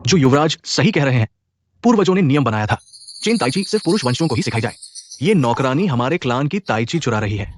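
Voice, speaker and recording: A man's voice: mid-range voice, animated, quick pace, natural voice. A man voicing a scheming male rival in a martial clan in a dubbed short drama, sneering and plotting.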